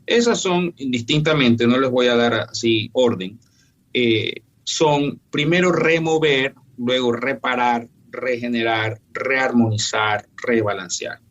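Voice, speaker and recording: A man's voice: mid-range voice, takes it slowly, fairly bright tone, dull audio. A man, a functional medicine doctor, explaining his approach in an emphatic, teacherly way during an interview. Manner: emphatic, didactic, lists points firmly.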